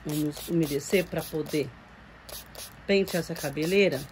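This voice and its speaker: A woman's voice: sits low, normal speed, a little mellow, a little hiss or hum, low-quality recording. A woman with a Brazilian Portuguese accent chats casually to her viewers at home, cooing fondly over a reborn doll. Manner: chatty and doting, coos at the doll. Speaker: reborn doll collector vlogger. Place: home room with doll shelves.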